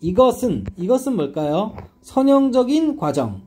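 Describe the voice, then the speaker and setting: Lecturing at a moderate pace in a high, husky voice, a male English teacher keeps making sure his students follow along. His delivery is lively, his emphasis rising and falling.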